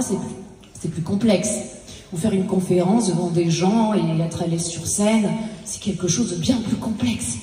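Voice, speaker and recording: A woman performing a comic stage monologue, telling her story haltingly and acting out her own lines of dialogue. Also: mid-range voice, mellow. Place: stage in a large hall. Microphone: handheld stage mic. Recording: echoey hall, mic at a distance.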